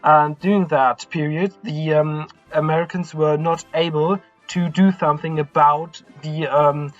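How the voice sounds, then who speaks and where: A man's voice: fairly high pitch, fairly even intonation, measured pace, dull audio, faint music behind. A man with a German accent giving a casual history talk, hesitant and full of ums and self-corrections. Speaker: history channel host.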